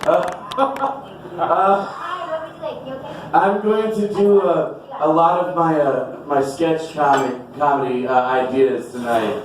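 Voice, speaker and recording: Male stand-up comic, rambling and self-mocking, sweaty, higher voice, echoey club heard from afar with the crowd. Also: fairly even intonation, takes it slowly, long pauses, far from the mic. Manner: rambling, self-deprecating, shouts into high put-on voices. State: sweating heavily. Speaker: stand-up comedian. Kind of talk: stand-up comedy set. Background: audience.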